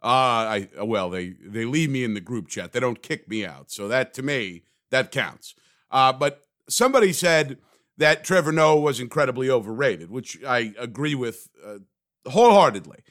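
A man's voice: mid-range voice, lively intonation, normal speed, fairly bright tone. A man hosting a comedic solo podcast, talking in a sarcastic, rambling, self-mocking way. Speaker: podcast host.

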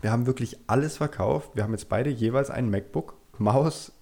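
A man who makes videos chats casually as a podcast guest, sharing candid, self-critical personal anecdotes. His mid-range voice is creaky and a little mellow, and he talks slightly fast.

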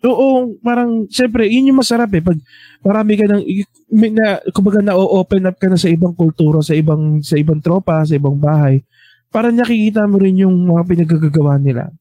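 A man's voice: sits high, brisk, warm tone, no echo. A man, telling school stories in a casual chat and animatedly voicing the people he quotes.

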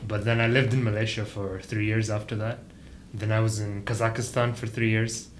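A man's voice: on the low side, little pitch movement, a little hiss or hum. A man in his twenties chatting casually on a podcast, playful and teasing. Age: 20s. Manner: playful, teasing, quick laughs. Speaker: podcast co-host. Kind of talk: casual chat.

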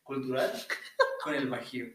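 A man's voice: medium pitch, fairly even intonation, normal speed. A man with a Mexican accent acting as interviewer, putting short, probing, teasing questions in a casual way. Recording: echoey room sound.

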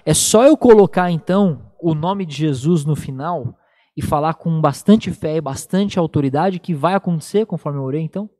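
A mellow, warm male voice, pitched a little high, leads the conversation with probing questions. He speaks casually, setting up each point for his partner to answer. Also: normal speed. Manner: inquisitive, poses leading questions. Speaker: co-host. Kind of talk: casual discussion.

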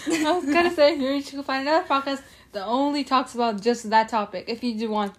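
Young woman, very high voice, slangy, excitable, casual chat. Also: fast talker. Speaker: podcast co-host.

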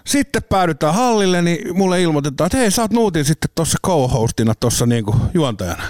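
Tell it as a man hosting a casual talk show, animated and full of impressions, with a slightly sore throat. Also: on the high side, clean studio sound. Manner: animated, mimics voices and echoes in his stories. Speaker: podcast host. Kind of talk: casual chat, storytelling. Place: studio.

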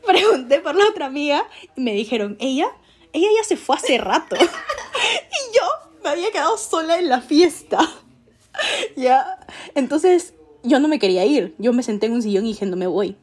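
A woman's voice: high-pitched, big pitch swings, moderate pace. A young woman with a Peruvian Spanish accent, telling a story in casual chat and laughing often.

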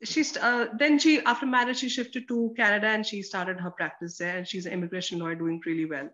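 A woman's voice: mid-range voice, fairly even intonation, fast, a bit bright. A woman in her thirties from Jammu with a North Indian accent, telling personal stories in a chatty, candid way and switching between English and Hindi. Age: 30s. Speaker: interview guest, lawyer. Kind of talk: casual personal storytelling. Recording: dull lo-fi audio.

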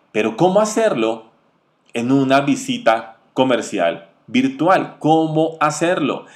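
A man coaching salespeople in an instructional episode, emphatic and repetitive, swinging between loud and soft delivery. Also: mid-range voice.

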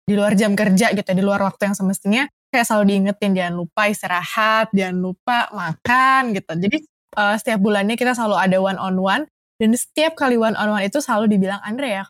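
A woman's voice: medium pitch, dry recording. Woman hosting a podcast. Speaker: podcast host. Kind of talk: casual podcast chat.

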